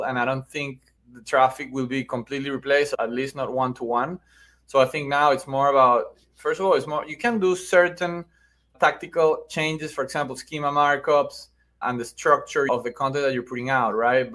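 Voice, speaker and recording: He's a middle-aged marketing agency founder with a Venezuelan accent, appearing as an interview guest on a podcast. His mid-range voice has a fairly bright tone, and he explains conversationally, often checking in with "right?".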